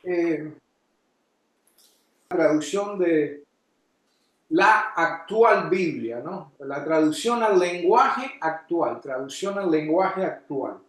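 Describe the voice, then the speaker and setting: Man, pastor, sermon, high voice, unhurried delivery, questions the congregation, sudden shouts, heavy church echo. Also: expressive. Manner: preaching with sudden shouted emphasis. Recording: echoey church hall.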